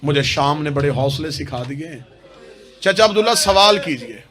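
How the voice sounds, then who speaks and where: A man voicing a grieving young man, gentle yet resolute, in an earnest, tender tone during a mourning sermon recitation. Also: a little high, expressive, normal speed, crowd noise, lightly acted.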